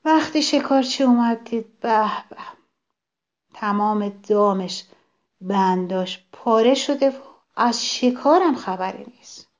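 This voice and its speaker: A woman reading a children's story aloud, animated and addressing the children directly. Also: a little high.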